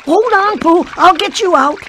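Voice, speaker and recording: A man's voice: very high-pitched, normal speed, sharp tone, slight background noise. A man voicing a tiny, timid, earnest young piglet in a video game, eager to help and prone to stammering. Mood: anxious, helpful. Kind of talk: animated video game dialogue. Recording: studio voice over game music.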